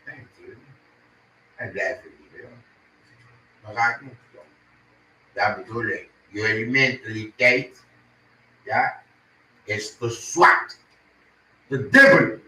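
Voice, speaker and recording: A man's voice: fairly low pitch, fairly even intonation, takes it slowly, pauses often, pushed and bright. Agitated man ranting in a roomy space. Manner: agitated, ranting, repeats himself. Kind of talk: angry monologue to camera. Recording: roomy, distant from the mic, faint noise.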